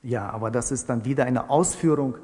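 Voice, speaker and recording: A man preaching a sermon in a measured way, repeating key phrases for emphasis. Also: medium pitch, darkish tone. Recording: long reverb in a hall.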